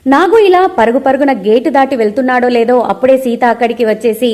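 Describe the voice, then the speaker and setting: A woman's voice: on the high side, fairly quick. A woman narrating a recap of a TV serial, telling the story and briefly acting out the characters' lines. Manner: lively, raises voice for quoted lines. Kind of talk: storytelling recap with acted quotes.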